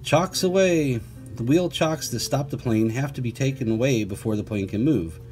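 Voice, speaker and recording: Faint music underlies this medium-pitched, slightly mellow man as he reads a kids' picture book clearly and carefully, adding friendly asides and fun questions for little listeners.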